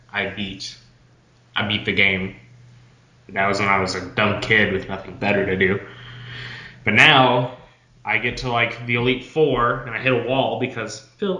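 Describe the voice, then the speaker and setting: A young man co-hosting a podcast over a video call, teasing and opinionated, quick to jump in. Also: medium pitch, pushed and bright, echoey room. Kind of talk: casual chat.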